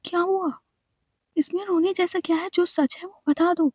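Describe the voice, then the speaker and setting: Woman doing storybook doctor, firm, probing, demanding, high pitch, mellow tone. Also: fairly even intonation, moderate pace, no echo. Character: firm, probing female doctor, calm authority.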